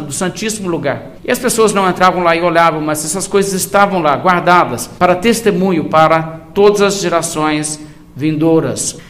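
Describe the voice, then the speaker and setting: High-voiced man teaching a Bible study. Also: fairly bright tone. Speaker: preacher.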